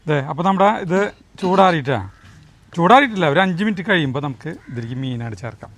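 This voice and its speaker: Quick, brisk male cooking host, repeats steps, slightly high voice, home kitchen. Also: animated, a bit bright, a little hiss or hum. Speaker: vlog host cooking fish pickle. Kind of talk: casual cooking instructions.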